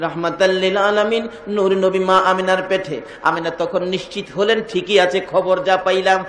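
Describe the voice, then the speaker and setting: High, bright-voiced preacher in an echoey hall. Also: male voice, fairly even intonation, brisk, crowd noise, background noise. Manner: sing-song, swinging between loud calls and hushed lines. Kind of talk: Bengali waz sermon. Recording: echoey hall over loudspeakers.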